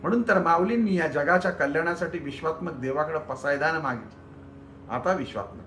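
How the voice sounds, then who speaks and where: A male storyteller narrates a scripture tale with expressive, vivid delivery and turns often to address his viewers. His voice sits high for a man. The room is echoey, with a faint ambient hum underneath. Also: brisk. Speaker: spiritual storyteller and show host.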